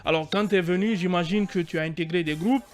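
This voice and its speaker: A man's voice: high voice, fast talker, soft background music. A man hosting a radio studio interview, presenting eagerly and backing the guest with frequent hums. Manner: lively presenter, many backchannel hums. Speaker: radio host.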